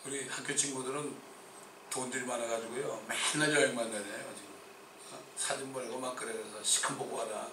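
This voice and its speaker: Recorded at a distance amid the echo and background noise of a church sanctuary, this pastor speaks with a Chungcheong Korean accent. His mid-range voice moves fairly quickly with fairly even intonation as he preaches emphatically, posing rhetorical question after question.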